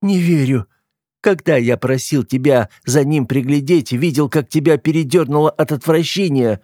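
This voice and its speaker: Raised-pitch shouty brother, crude and furious, put on by a male reader. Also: normal speed, no echo, studio quality, lightly acted. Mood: bitter angry. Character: angry young man, hot-tempered brother.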